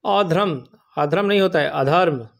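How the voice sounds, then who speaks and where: A man with a fairly high voice takes learners through a spelling lesson for an exam. He explains slowly and patiently, and he says each word more than once so it sticks. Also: gravelly, a bit bright. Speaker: exam prep teacher.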